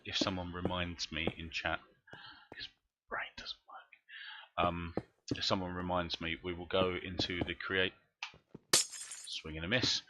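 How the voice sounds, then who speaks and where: A man's voice: low-pitched, very noisy. A man giving live commentary while he plays a game, rambling and thinking aloud as he builds. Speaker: game streamer.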